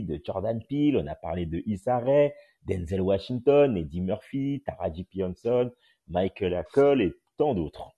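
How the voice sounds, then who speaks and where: Low husky guy hosting a podcast room, lots of ums, phone mic. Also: warm tone, dull audio. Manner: hesitant, many filler sounds. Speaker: podcast host and journalist. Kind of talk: casual live-room hosting. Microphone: phone on an audio chat app.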